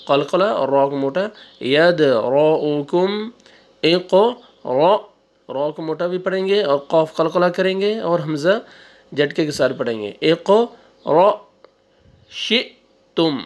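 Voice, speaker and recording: A male Quran teacher spelling out syllables one by one, drawing out the recited words and giving quick asides between them. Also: on the high side. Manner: slow drawn-out recitation, then quick asides. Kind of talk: spelling out syllables in a reading lesson.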